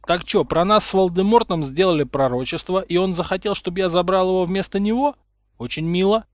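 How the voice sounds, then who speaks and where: A man's voice: sits high, brisk, no echo, dull audio, voice pushed up, lightly acted. Harry Potter, a man playing him as a sarcastic teen wizard. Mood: cocky, mocking. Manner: sarcastic, flippant. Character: cheeky mocking teenage boy wizard.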